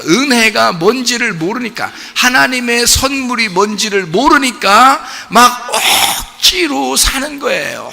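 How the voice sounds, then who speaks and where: A male pastor preaching a sermon in a blunt, joking way, with sudden shouts and chuckles. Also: very high voice, gravelly, big-room sound. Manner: animated, bursts into shouts, chuckles; blunt casual banter with the congregation. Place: church sanctuary.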